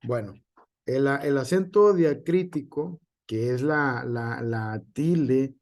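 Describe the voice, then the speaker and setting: A man's voice: mid-range voice, slow pace, darkish tone. A male teacher gives an online class, with frequent hesitations and filler words.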